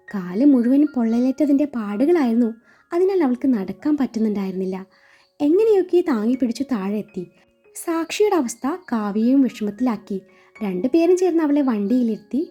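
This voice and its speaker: Woman storyteller, very mellow, husky voice, soft emotional reading, dull lo-fi recording, faint music behind. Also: fairly high pitch. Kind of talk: scripted romance story narration with character voices.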